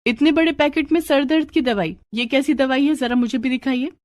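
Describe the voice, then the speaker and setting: A woman's voice: on the high side, animated, moderate pace, no room sound, pitched above the performer's own voice, lightly acted. A woman voicing a curious, scheming young daughter-in-law in a cartoon story. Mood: probing.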